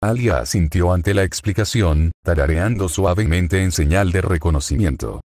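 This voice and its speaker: Deep-voiced man narrating a story. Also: moderate pace, a little mellow, dry recording, clean studio sound. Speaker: fanfic narrator. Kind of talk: scripted narration.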